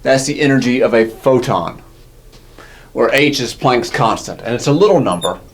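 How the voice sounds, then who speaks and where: A man's voice: mid-range voice, animated, normal speed, a little hiss or hum. A man teaching physics in a casual, self-correcting lecture style, often checking in with "right?". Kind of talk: classroom lecture.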